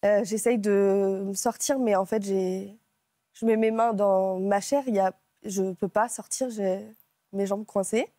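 A woman speaks as a guest on a television talk show, recounting a personal ordeal. Her voice is mellow and warm, recorded dry and close on a lapel mic. She talks haltingly, breaking off and restarting as she searches for words. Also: medium pitch, steady tone, no echo. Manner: halting, emotional retelling with many restarts. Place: TV studio set.

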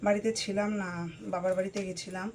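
A hoarse woman chatting casually to her viewers at home while cutting vegetables. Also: mid-range voice, flat delivery, quick pace, darkish tone, a little hiss or hum. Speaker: vlogger. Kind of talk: casual vlog chat to viewers.

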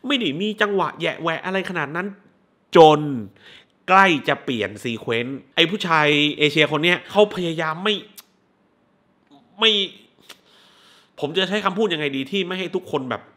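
A man recaps a movie in a casual, crude way, swearing freely. His bright voice is pitched a bit high and swings widely, which keeps the telling animated. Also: normal speed, pauses often.

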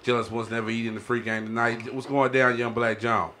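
A man hosts a casual podcast from a small indoor studio, speaking close to a boom-mounted microphone with a slight hiss or hum on the recording. His medium-pitched voice is brisk and sharp with little pitch movement as he trades slangy hype-man banter and keeps repeating catchphrases.

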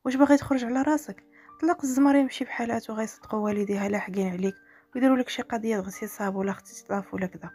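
A woman voicing a young man with a Moroccan accent who loudly and insistently lectures his friend. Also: fairly high pitch, very fast, slightly rough, soft background music. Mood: scolding. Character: angry young male friend, scolding.

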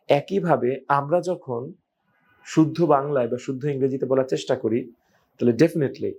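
A man teaching English pronunciation, stretching out each sound slowly and repeating it. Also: mid-range voice, darkish tone. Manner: slow, drawn-out sounds demonstrated and repeated. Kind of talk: phonetics lesson.

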